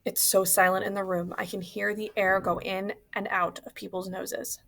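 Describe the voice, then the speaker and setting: Woman audiobook narrator, steady and even, mid pitch with a gravelly edge. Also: moderate pace. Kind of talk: audiobook reading.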